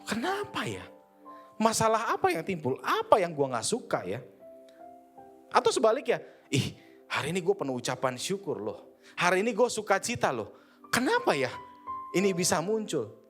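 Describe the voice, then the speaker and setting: Seorang pria berlogat Jakarta berkhotbah dengan santai dan akrab, sering memerankan percakapan dengan dirinya sendiri. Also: male voice, sits high. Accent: Jakarta Indonesian. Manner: conversational, slangy, acts out inner dialogue. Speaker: preacher. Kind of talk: casual sermon. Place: church service.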